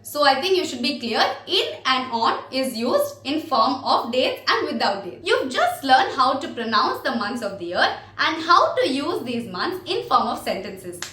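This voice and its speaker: A woman gives a spoken lesson, and her high voice moves up and down a lot. She pronounces words carefully and repeats each one for her learners. The room she is in is echoey. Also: sing-song, pushed and bright. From India. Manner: repeats each word slowly and clearly for learners. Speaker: English teacher.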